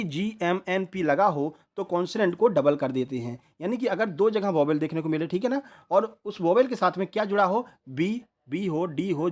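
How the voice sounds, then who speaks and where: Man, high pitch, exam prep teacher, spells out letters, keeps checking in. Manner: explains step by step, spells words out letter by letter. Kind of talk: online lesson.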